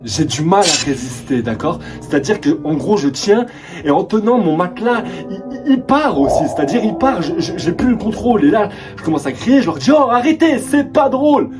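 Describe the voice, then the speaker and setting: A young French man casually telling his own scary story to his viewers, dramatic and animated. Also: fairly high pitch, a little fast, over music. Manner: animated, dramatic retelling with rising excitement.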